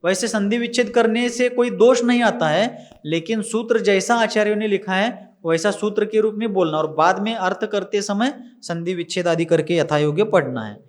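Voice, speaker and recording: A man's voice: high voice, normal speed, few pauses. A man teaching a religious text, patiently drilling pronunciation word by word and then explaining each term. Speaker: scripture teacher.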